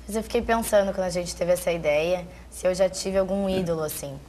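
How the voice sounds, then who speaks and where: A woman's voice: fairly low pitch, fairly quick, dark tone, slight background noise. A woman, a co-host joking casually with the panel. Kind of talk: casual chat.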